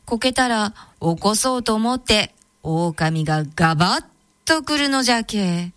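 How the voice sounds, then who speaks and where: A woman narrating a folk tale in a Tango Kyoto dialect, with a steady, measured telling. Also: mid-range voice, dry recording. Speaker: storyteller and co-host.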